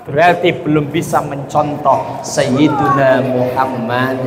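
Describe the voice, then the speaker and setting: A man's voice: mid-range voice, flat delivery, takes it slowly, noisy background. A man preaching a humorous sermon to a crowd, joking playfully and often asking the listeners to agree. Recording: echoey reverberant sound with faint ambience.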